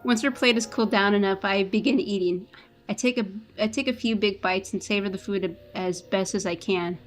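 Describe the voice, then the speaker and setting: A woman's voice: mid-range voice, fairly even intonation, fairly quick, soft background music. A woman playing a visual novel, reading its narration aloud in a casual, playful way. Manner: playful, laughing between lines.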